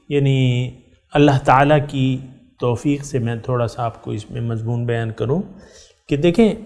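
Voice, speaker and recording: A middle-aged man giving a Quran lesson as a sermon, speaking straight to his listeners, repeating key words for emphasis and reciting verses slowly. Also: fairly high pitch, darkish tone. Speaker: Quran teacher.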